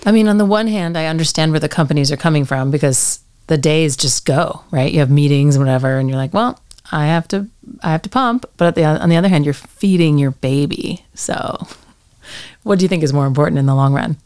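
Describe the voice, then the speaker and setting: A woman's voice: deep voice, quick pace, warm tone, clean tone, no echo, studio quality. A woman in her thirties hosting a podcast, talking casually as she interviews a guest. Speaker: podcast host.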